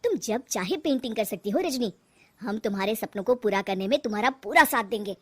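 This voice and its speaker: A woman voicing a gentle young husband who coaxes and questions his wife. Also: a little high, expressive, a little fast, husky. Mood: earnest. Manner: coaxing, earnest.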